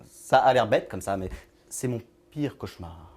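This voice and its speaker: An actor playing an odd, lonely man with an invisible friend, talking in a halting, rambling way that trails off into murmurs. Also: lowish voice, lively intonation, a little mellow, breathy edge. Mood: musing. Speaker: actor in a short film monologue. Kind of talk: film monologue.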